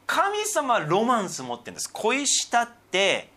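A middle-aged man, a pastor preaching a sermon, who swings between emphatic raised passages and soft, murmured asides. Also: very high voice, wildly swooping pitch, normal speed.

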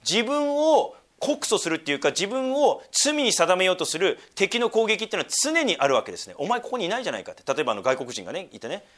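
A man giving a sermon, moving between quiet, low asides and emphatic, slow readings of scripture. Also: sing-song. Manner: wide swings between hushed asides and emphatic raised reading; slows down to read scripture deliberately. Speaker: pastor.

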